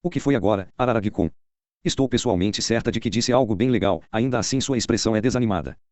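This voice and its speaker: A Brazilian man voicing a cool, cutting teenage schoolgirl in a flat, deadpan delivery while reading a novel aloud. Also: on the low side, fast talker, no echo, natural voice. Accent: Brazilian Portuguese.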